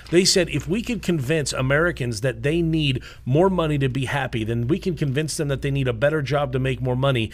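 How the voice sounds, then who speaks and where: A man co-hosting a podcast debate, talking emphatically and firing off rhetorical questions in a studio. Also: a little high. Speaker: podcast co-host.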